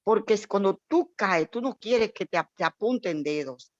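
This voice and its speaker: A woman sharing an emotional testimony at a church gathering, animated and storytelling, acting out quoted voices. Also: mid-range voice, moderate pace, no echo, highs cut off. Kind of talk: heartfelt testimony in a prayer meeting.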